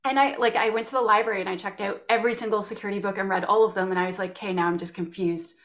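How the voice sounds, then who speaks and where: A Canadian woman, a guest in a casual interview, telling stories with lively acted-out quotes. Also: mid-range voice, rapid-fire. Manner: animated storytelling, acts out quotes.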